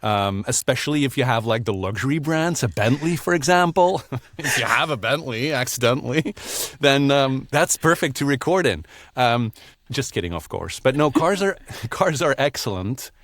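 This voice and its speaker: This middle-aged man from Belgium, a voiceover artist, has a mid-range voice and a moderate pace. Chatting casually in an interview from his small home booth, he stays relaxed, laughs frequently, and often starts sentences over.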